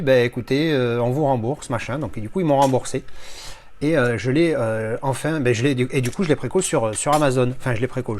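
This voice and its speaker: A man's voice: medium pitch, a little mellow. A man, ill and worn out, casually unboxing films in a rambling vlog with many fillers, restarts and swear words. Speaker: video host unboxing films.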